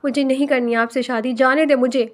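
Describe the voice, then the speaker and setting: A woman's voice: sits high, fairly even intonation, lightly acted. A woman reading as a frightened tearful young woman. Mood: tearful pleading. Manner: pleading, crying.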